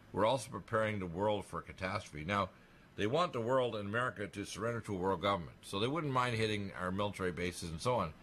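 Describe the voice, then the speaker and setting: A man talking on a radio talk show in a rapid, insistent monologue, emphatic and alarmist as he piles up claims. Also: fairly low pitch, sharp tone, a little hiss or hum.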